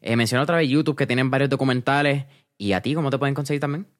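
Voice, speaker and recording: This is a man who hosts an interview podcast. He keeps the talk loose and relaxed and slips English words in. His voice sits at an ordinary middle pitch for a man. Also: very fast. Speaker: podcast host interviewing an entrepreneur. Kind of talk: casual interview chat.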